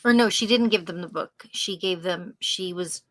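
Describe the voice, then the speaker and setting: A woman's voice: fairly low pitch, normal speed, fairly bright tone, no room sound. A woman co-hosting a podcast, adding short teasing remarks to the film chat. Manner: brief teasing interjections. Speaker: podcast co-host. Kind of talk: casual film discussion.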